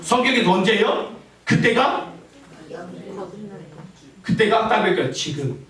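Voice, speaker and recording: A man's voice: high-pitched, big pitch swings, measured pace, far from the mic, crowd noise. A male pastor preaching a sermon, firing questions at the congregation and repeating their answers back to them. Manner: call-and-response preaching, asking the congregation questions. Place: church sanctuary. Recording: echoey church hall, voice from afar.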